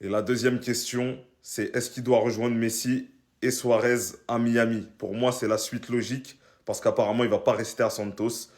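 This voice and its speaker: A man's voice: mid-range voice, flat delivery, normal speed, a little mellow. A man giving a casual football reaction, talking straight to his viewers and asking them questions. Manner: chatty, asks the viewers questions.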